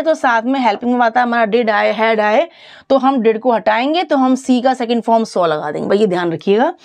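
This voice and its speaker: A woman teacher explaining grammar in a mixed Hindi and lecture, asking the students rhetorical questions and reading example sentences slowly. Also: fairly high pitch, gravelly, a little mellow. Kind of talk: bilingual classroom lecture.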